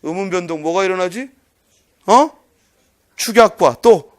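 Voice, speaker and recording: High-voiced man lecturing exam students. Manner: brisk, scolding teacher who quizzes students aloud; drills by counting letters out loud. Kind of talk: online exam-prep lecture.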